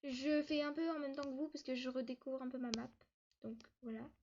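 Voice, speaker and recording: A woman with a slightly high voice narrates a casual walkthrough of her game map. She hurries, stumbles on fillers and restarts, and sounds a little short of breath. The recording is dull and muffled, like a cheap mic. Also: steady tone, darkish tone, slight background noise. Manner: hesitant, many fillers and restarts; talks fast, says she struggles to catch her breath. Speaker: YouTuber giving a tour of her game map. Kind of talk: casual gameplay tour narration.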